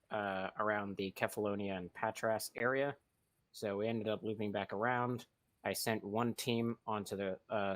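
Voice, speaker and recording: A man giving a recon report over voice chat, halting with many fillers. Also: lowish voice, no echo. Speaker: recon squad leader.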